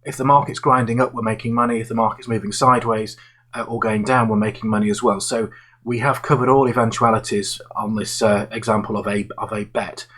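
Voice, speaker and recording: A man who manages investments, walking listeners through an example in a halting style with many fillers and restarts. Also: fairly low pitch, little pitch movement, fairly bright tone, husky, poor audio. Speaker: investment manager presenting to clients. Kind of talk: explanatory investment talk.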